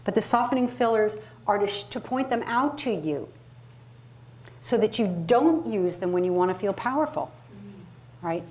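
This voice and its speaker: A woman with a lively, slightly mellow mid-range voice coaches public speaking at normal speed during an interactive workshop. Her delivery is emphatic and conversational, full of questions for the audience, and the live room recording carries clear background noise.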